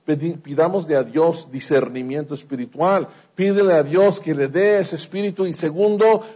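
A man's voice: on the high side, normal speed, breathy edge, lo-fi sound. A man preaching a sermon, asking rhetorical questions and repeating phrases for emphasis. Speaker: pastor.

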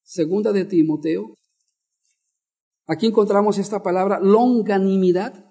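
In an unhurried teaching sermon, a pastor keeps stopping to repeat important words and pose questions to his congregation. Though pitched high for a male voice, it comes across warm and mellow, not bright.

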